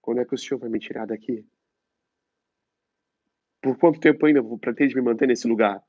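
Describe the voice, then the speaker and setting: A man's voice: mid-range voice, a little fast, no room sound, lightly acted. A Brazilian man performing a monologue as a troubled young man locked in an asylum, pleading and anguished, on a dull lo-fi phone mic. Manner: anguished, pleading, wavering between loud and hushed. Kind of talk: theatrical monologue reading.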